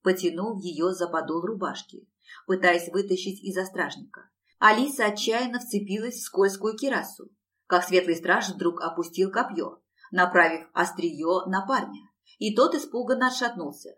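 A woman's voice: lowish voice, normal speed, a bit bright, far from the mic. A woman reading a fantasy novel aloud as an audiobook, giving the characters voices as she goes. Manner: reads with acted character voices. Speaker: audiobook narrator. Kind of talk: scripted narration of a fantasy novel.

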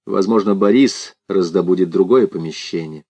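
A man narrating an audiobook in an expressive, dramatic reading style. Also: sits low, normal speed, husky.

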